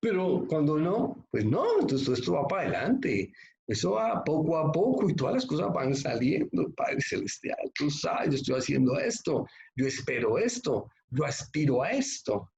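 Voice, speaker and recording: Emphatic pastor in an echoey room. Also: male voice, on the high side, big pitch swings, normal speed, vocal fry, a little mellow, slight background noise. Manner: emphatic, conversational preaching with rhetorical questions. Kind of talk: sermon. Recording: echoey, slightly muffled room recording.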